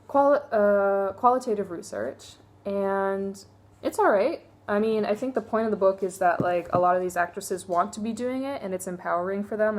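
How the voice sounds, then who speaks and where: A young woman casually reviewing books, chatty and candid, with lots of fillers and offhand asides. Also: medium pitch. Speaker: book reviewer. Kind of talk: casual book review vlog.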